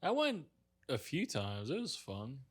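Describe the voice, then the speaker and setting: A man's voice: mid-range voice, wildly swooping pitch, husky. A man co-hosting a podcast who jumps in with short teasing remarks and jokes. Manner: short teasing interjections, quick to joke. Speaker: podcast co-host. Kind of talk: casual profane chat.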